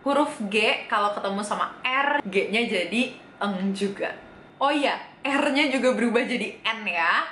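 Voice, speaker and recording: A woman's voice: on the high side, lively intonation, fairly bright tone, a little hiss or hum. Chatty woman teaching Korean, echoey room. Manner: chatty, asks the viewer questions and answers them; repeats each Korean word slowly. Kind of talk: casual video lesson on reading Korean.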